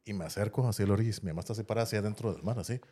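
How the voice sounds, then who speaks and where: A man's voice: on the low side, very fast, dark tone, slightly rough. A man with a Mexican accent telling a story in casual podcast chat, rambling and tagging his sentences with "¿no?". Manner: rambling, tags sentences with "¿no?" and "así". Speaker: podcast host.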